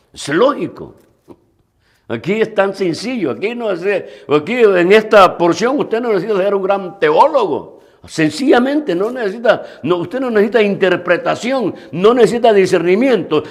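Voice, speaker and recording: A man's voice: high voice, a bit bright. A male pastor preaching a sermon, speaking earnestly and directly to the congregation, repeating phrases and restarting lines as he goes.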